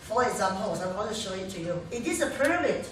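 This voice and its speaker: A woman in her forties giving a lively sales talk at a business seminar, often acting out little dialogues and laughing along with them. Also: mid-range voice, quick pace, noisy background. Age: 40s. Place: hotel function room. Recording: echoey hall, distant mic.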